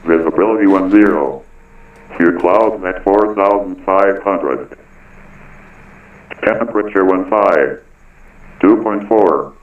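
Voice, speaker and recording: A very low male voice reads an airport weather broadcast over the radio in a flat, clipped way. It sounds narrow and tinny, like a radio transmission. It is echoey and comes from some distance. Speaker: automated airport information broadcast. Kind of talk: recorded weather and runway report.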